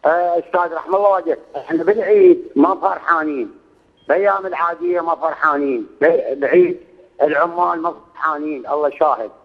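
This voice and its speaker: A man's voice: on the high side, fast, lo-fi sound. A man in his sixties with an Iraqi accent, calling in to a radio show and pleading about his hardship, swearing oaths and repeating himself. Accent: Iraqi Arabic. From Iraq. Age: 60s. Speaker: caller. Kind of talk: call-in radio complaint. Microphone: phone line.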